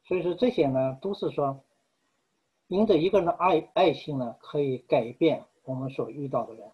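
Earnest male preacher, husky voice. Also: fairly high pitch, lo-fi sound. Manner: earnest, measured, with frequent pauses. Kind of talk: sermon.

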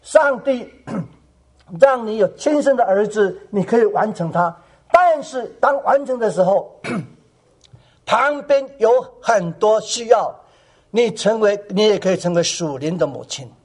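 A man preaching a sermon in a high voice that climbs and falls with wide swings. He keeps turning to his listeners with questions. When he quotes others, he drops into a soft, hushed tone. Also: a little slow. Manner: animated, asks the congregation questions.

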